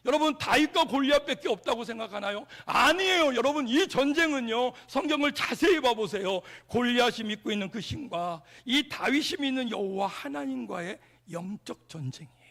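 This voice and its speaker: A man preaching a lively revival sermon in a church. His voice sits high and swings widely in pitch, with a gravelly texture. He tells stories playfully and keeps asking the congregation questions. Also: brisk, hardly any pauses. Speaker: pastor. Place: large church sanctuary.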